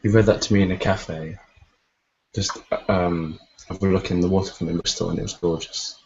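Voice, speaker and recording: A man with a fairly low voice reads poetry aloud and chats between pieces, his delivery dry and deadpan. The audio is muffled and lo-fi, like a livestream. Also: normal speed, vocal fry, a little hiss or hum. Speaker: poet and host. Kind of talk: poetry reading and casual chat.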